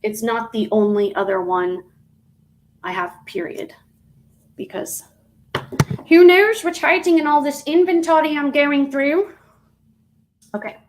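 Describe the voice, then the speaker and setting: Woman, casual live-stream seller, slightly high pitch, rambling, fillers and self-corrections. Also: expressive, unhurried, pauses often, slight background noise, rough recording.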